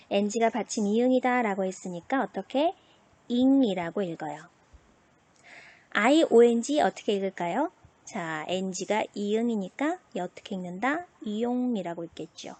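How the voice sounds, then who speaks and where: A woman's voice: medium pitch, a little mellow. A woman teaching a recorded online class, asking her students questions, answering them herself and sounding out syllables in drills. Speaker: Chinese teacher.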